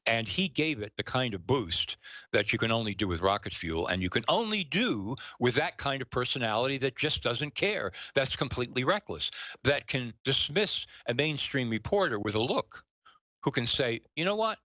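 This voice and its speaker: A man in his fifties hosting a talk radio show, delivering opinionated commentary with emphasis and acting out quotes in animated bursts. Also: medium pitch, moderate pace, dry recording, poor audio.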